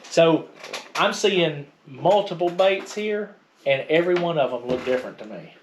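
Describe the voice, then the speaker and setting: Male co-host, colloquial and conversational, slightly high voice, echoey dull recording. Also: expressive, moderate pace. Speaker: co-host asking questions. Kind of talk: casual chat. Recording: dull, echoey audio, faint noise.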